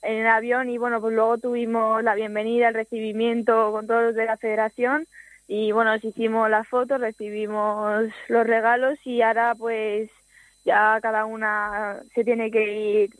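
A woman's voice: on the high side, level tone, moderate pace, no echo, poor audio. A teenage girl from Spain, a footballer, talking hesitantly over the phone in a radio interview and laughing often. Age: teens. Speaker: youth footballer guest. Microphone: phone line.

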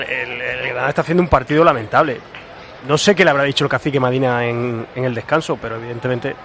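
A man with a Spanish accent from Spain analysing a live football match in a halting, exasperated way, repeating words. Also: medium pitch. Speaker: football pundit. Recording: noisy stadium commentary position. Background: crowd and ambient noise.

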